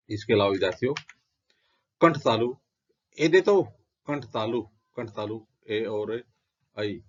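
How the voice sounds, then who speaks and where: A male teacher gives a lesson at an ordinary pitch. He recites lists of letters one by one and poses questions that he answers himself. The recording sounds dull and lo-fi. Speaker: Sanskrit grammar teacher. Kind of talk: classroom-style lecture.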